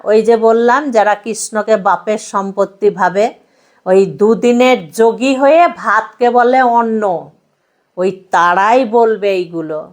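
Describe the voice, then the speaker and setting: Her voice is mid-range and unhurried as she delivers a devotional sermon. This religious speaker piles up repetitive, emphatic lists in parallel phrasing and puts rhetorical questions to her listeners.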